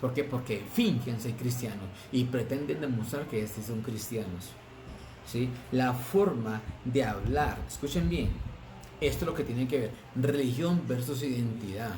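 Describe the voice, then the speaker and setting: A man's voice: medium pitch, darkish tone, slight background noise. Preaching man in an echoey room. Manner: preaching with drawn-out stresses and rhetorical questions. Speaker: pastor. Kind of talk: sermon.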